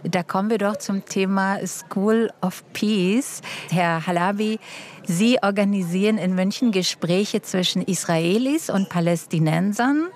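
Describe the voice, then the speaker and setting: A woman interviewer asking clear, composed questions. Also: medium pitch, unhurried, darkish tone.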